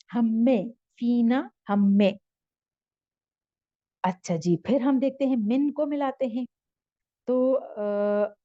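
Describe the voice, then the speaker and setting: A woman teaching Arabic grammar in a slow spoken lesson, patiently repeating each word form with its meaning. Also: fairly high pitch, no room sound, muffled recording.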